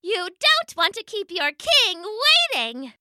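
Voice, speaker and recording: A woman voicing a tiny, boastful male gnat who brags and barks shrill orders at the other animals. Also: huge pitch swings, slow pace, noisy background, exaggerated voice. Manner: squeaky, bragging, shrill demands.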